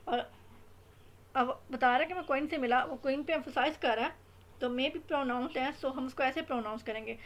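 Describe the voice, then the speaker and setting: Young woman english teacher, high voice, slow careful explaining, repeats example phrases with stress. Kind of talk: explaining grammar in a mix of Hindi-Urdu and English.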